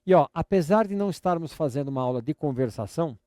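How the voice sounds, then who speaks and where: Older Brazilian teacher, slightly high voice. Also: male voice, expressive, fast talker, mellow, no room sound, studio quality. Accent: Brazilian Portuguese. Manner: patient, repetitive drilling with playful teasing. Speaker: English teacher. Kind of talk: live online lesson.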